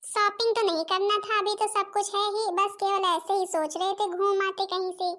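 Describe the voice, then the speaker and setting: A woman's voice: very high-pitched, little pitch movement, normal speed, fairly bright tone. A woman voicing a timid young daughter-in-law. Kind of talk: cartoon voice acting.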